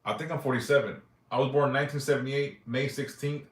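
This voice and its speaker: A man's voice: mid-range voice, steady tone, quick pace, roomy sound. Profane man in his forties on a live stream. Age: 40s. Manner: loose and profane, reads comments aloud and answers briefly. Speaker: livestream host answering yes-or-no questions. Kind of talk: casual livestream chat reading viewer questions.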